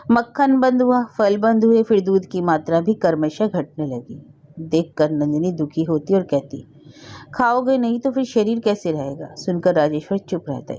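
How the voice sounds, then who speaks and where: Brief: woman storyteller, low and mellow voice, expressive reading, dull lo-fi recording. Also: moderate pace. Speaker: story narrator. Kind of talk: reading a Hindi short story aloud.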